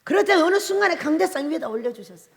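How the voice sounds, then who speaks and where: A woman's voice: very high-pitched, animated, rapid-fire. A woman pastor preaching a sermon, pressing the congregation with questions. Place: church sanctuary at the pulpit. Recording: long church reverb with faint keyboard.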